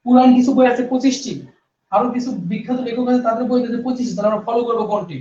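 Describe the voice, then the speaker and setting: A man's voice: extremely high pitch, fairly even intonation, racing, dark tone. A male teacher giving a grammar lesson, asking questions and answering them himself and repeating key points. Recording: echoey, distant, dull sound.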